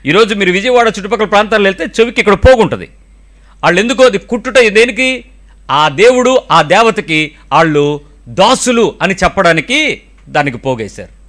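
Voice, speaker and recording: Preaching a sermon, this middle-aged man talks a little fast in a high, animated voice that rings brightly. Rhetorical questions come one after another, and he occasionally drops in bits of English.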